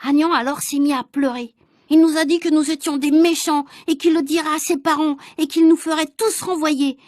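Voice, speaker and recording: A woman reads a children's storybook aloud, clear, measured and expressive, for shadowing practice. Her voice is high, and the recording is dry and close with no room sound. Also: no room sound. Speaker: reader.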